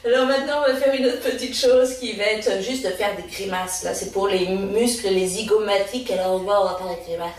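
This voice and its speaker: A woman's voice: mid-range voice, a little fast, hardly any pauses, a little hiss or hum. A woman leading a laughter yoga session, guiding a group through vocal sounds and counting with encouragement. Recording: very echoey room, voice from a distance.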